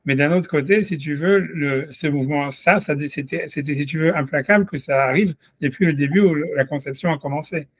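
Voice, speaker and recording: A man teaches a casual Torah class, his voice pitched a little high. He circles his points with constant fillers and false starts. The sound is close and dry, with no room echo. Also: fairly quick, few pauses. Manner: rambling, many fillers and restarts, tutoyant the listener. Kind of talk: informal Torah lesson.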